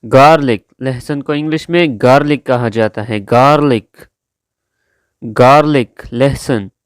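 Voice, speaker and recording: Slow, deliberate male teacher. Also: mid-range voice, clear, resonant tone, dry recording, studio quality. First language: Urdu. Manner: drawn-out, careful pronunciation drills. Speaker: English vocabulary teacher. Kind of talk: slow vocabulary lesson, repeating each word.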